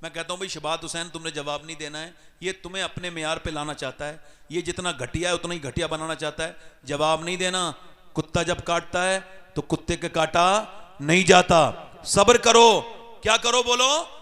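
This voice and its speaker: A male preacher giving a religious sermon, telling stories softly and then rising to shouted climaxes while urging the crowd to respond. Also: fairly high pitch, fairly even intonation, moderate pace, long reverb tail. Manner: builds from soft storytelling to shouted climaxes, coaxes crowd responses. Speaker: Islamic preacher. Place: large gathering with crowd.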